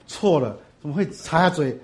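A pastor preaching to his congregation. He asks questions and answers them himself, swinging from loud emphatic bursts to low, soft asides. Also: expressive, moderate pace. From Taiwan. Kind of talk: sermon.

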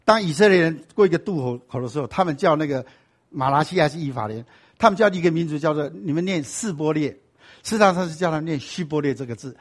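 A man's voice: fairly high pitch, expressive, quick pace. A man teaching a sermon-style Bible class. He keeps asking the class rhetorical questions and drops in English and Hebrew words.

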